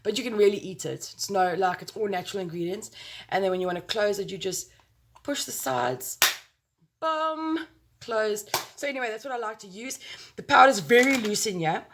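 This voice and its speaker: A woman's voice: mid-range voice, lively intonation, normal speed, a little hiss or hum. A woman with a South African accent giving a casual, chatty makeup tutorial to camera, rambling and playful, speaking close to her phone. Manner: chatty, rambling, playful with exclamations and sound words.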